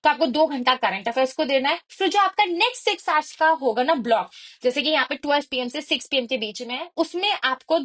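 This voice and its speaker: Young female study coach, high voice, explains a study plan step by step and checks in with viewers often. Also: expressive, fast, a bit bright. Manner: code-switching, repeats points, checks in with the viewer.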